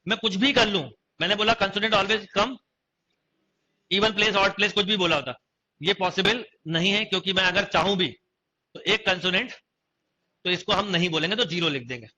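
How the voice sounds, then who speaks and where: Bright, high-voiced man teaching maths. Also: a little fast. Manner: questioning students, repeating phrases. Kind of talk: online coaching class lecture. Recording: dull lo-fi class recording.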